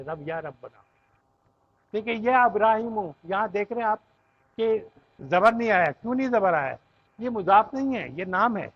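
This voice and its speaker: Male grammar teacher from Pakistan, patient lecturing manner, lighter pitch, muffled recording. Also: slightly rough. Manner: explains patiently, often checks with "theek hai?". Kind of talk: classroom lecture.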